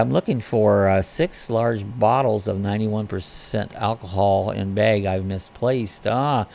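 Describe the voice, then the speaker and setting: Hoarse and crackly from a respiratory illness, this man's low, slightly mellow voice carries a casual morning live chat. He greets viewers by name and reads their comments aloud in a rambling, easygoing way.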